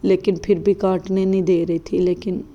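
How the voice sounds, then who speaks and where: A woman's voice: on the low side, flat delivery, moderate pace, dark tone, highs cut off. A woman, chatting casually in a home vlog and quoting her children. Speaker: mother and family vlogger.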